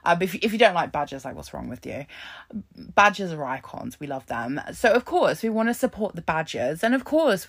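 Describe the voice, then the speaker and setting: A woman's voice: on the low side, a bit bright. A woman hosting a casual solo podcast, talking frankly and swearing a lot as she rambles. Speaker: podcast host.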